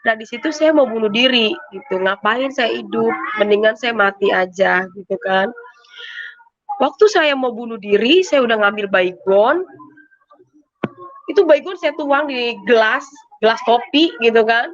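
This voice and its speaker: A woman's voice: on the high side, expressive, measured pace. A woman giving a personal faith testimony, telling her story emotionally in a casual, repetitive way. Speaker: testimony giver. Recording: muffled lo-fi sound.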